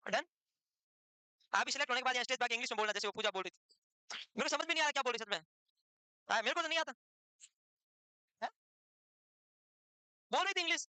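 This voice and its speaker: A male teacher lecturing his class in a brisk, scolding, teasing way. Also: very high voice, pushed and bright, clean tone, no room sound.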